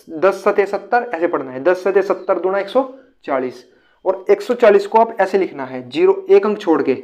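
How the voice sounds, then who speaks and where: A man's voice: sits high, a little mellow, highs cut off. A man teaching a step-by-step math lesson, often repeating himself and calling his viewers friends.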